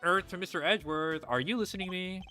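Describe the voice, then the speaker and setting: A man's voice: high voice, fast, bright, forceful tone, soft background music, pitched above the performer's own voice. A man voicing a spirited young woman thief from a game, reading her lines raised and emphatic. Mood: indignant.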